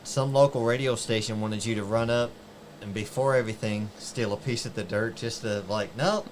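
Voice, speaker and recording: A man's voice: lowish voice, fairly even intonation, normal speed. An American man joining in a casual conversation with short recollections. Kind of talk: casual chat. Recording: clear crowd noise behind the voice.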